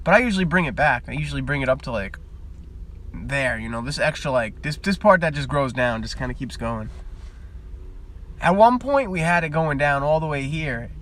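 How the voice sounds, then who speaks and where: A man's voice: medium pitch, expressive, moderate pace, fairly bright tone, a little hiss or hum. A young man streaming live from his parked car at the beach, chatting casually and wandering from topic to topic, picked up by a phone mic. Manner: rambling, chatty, easily sidetracked.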